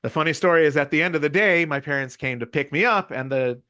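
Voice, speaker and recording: A middle-aged American university lecturer with a Californian accent gives a casual, conversational lecture, constantly checking in with "you know" and "right?" tag questions. His voice is fairly high, bright and forceful, and he talks fast; the recording has no room sound and its highs are cut off.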